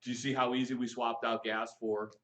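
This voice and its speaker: A man coaching a live audience on texting for network marketing, lively and jokey, firing questions at the room. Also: medium pitch, brisk, poor audio. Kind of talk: live stream training talk to an audience.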